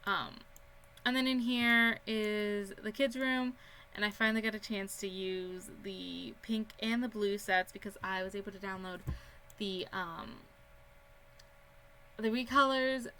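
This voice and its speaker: A woman's voice: mid-range voice, fairly even intonation, a little slow, sharp tone, a little hiss or hum. A young woman casually touring a house she built in a life-simulation game, rambling and chatty with lots of ums. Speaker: Sims gaming YouTuber. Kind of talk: casual game build tour.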